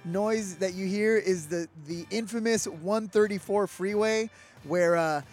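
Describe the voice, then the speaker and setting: A man with a high voice co-hosts a podcast in loose, casual chat. He jokes around and rambles, trailing off into fillers as he goes. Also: a little slow, soft background music. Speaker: podcast co-host. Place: hotel lounge by a freeway.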